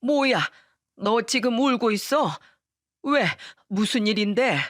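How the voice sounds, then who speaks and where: A woman's voice: a little high, takes it slowly, no room sound, clean studio sound. A woman voicing a protective middle-aged father who speaks firmly and resolutely. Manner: firm, resolute.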